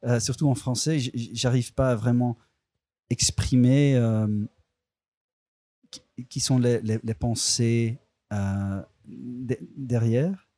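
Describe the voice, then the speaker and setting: Hesitating, restarting and hunting for words, a filmmaker responds to an interviewer in a second language, his native tongue being something other than French. His medium-pitched voice is warm, steady and slow, with no echo.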